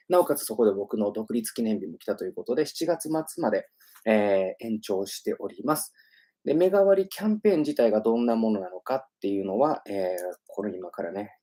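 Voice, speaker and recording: A man's voice: lowish voice, mellow, breathy edge. A man hosting a casual livestream as an English pronunciation teacher, chatty and self-promoting, with many fillers.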